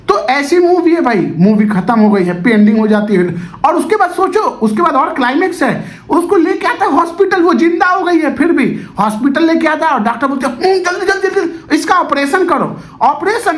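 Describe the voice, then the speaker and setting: Male reviewer, very high voice, crude and mocking film roast. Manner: animated, sarcastic, swears a lot. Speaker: movie reviewer. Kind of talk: profane comedic film roast.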